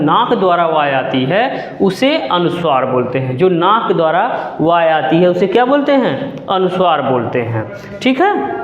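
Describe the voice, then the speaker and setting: A male teacher giving a grammar lesson, repeating key terms slowly and asking the class questions. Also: high-pitched. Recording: dull echoey room, lo-fi.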